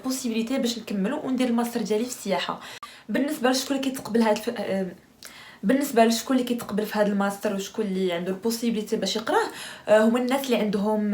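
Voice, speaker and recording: A young Moroccan woman with a Moroccan Arabic accent talks quickly through a casual question-and-answer vlog. Her delivery is chatty and relaxed, with frequent laughs between answers. She sits at a middle pitch for a woman and keeps a rapid pace. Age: 20s. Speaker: vlogger.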